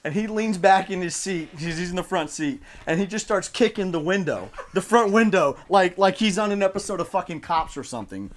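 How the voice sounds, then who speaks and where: A man casually retelling a road-trip story, animated and profane, often laughing. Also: high-pitched, brisk, few pauses. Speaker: show regular.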